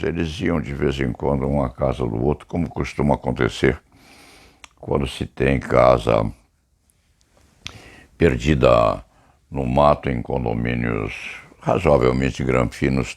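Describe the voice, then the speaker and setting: An older Brazilian man with a São Paulo accent tells an unhurried story that wanders from one point to the next. His voice is very low and full of gravel. He talks about himself in the third person, wry and amused. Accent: Brazilian Portuguese, São Paulo. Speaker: criminal lawyer commentator. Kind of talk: reflective storytelling monologue.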